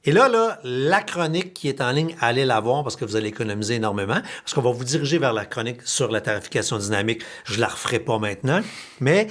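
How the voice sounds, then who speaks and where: A man with a Québécois accent hosting a podcast, talking in an animated, colloquial way with casual swearing. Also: mid-range voice, fast talker. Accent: Québécois French. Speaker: podcast host.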